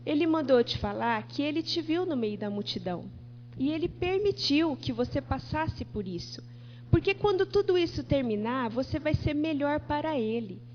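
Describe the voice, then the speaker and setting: A woman's voice: high-pitched, moderate pace. A woman preacher giving a sermon in church, telling her story and acting out the conversations in it. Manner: animated storytelling, acting out dialogue. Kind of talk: testimony sermon. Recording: dull church TV recording with faint hum.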